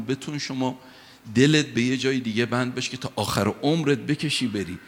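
A man preaching a sermon, telling stories with emphatic rises in loudness. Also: mid-range voice. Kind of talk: sermon with storytelling. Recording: long hall reverb.

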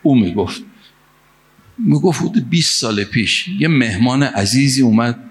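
A man's voice: mid-range voice, lively intonation. A man from Mashhad preaching a sermon, telling a story and reciting Arabic phrases and verse, rising to emphatic peaks. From Mashhad, Iran.

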